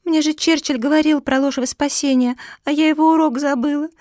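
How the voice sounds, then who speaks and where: A woman's voice: high-pitched, animated, normal speed, fairly bright tone, dry recording, clean studio sound, pitched above the performer's own voice. A woman voicing a small, stubborn, honest girl pug puppy in a storybook reading, insistent and emphatic. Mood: tearful.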